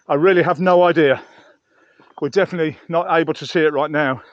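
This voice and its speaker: On a mountain trail, a man narrates casually to his camera as he hikes, reviewing gear and musing aloud in a rambling, chatty style. He speaks at a quick pace in a voice that's a little high, captured with lo-fi sound.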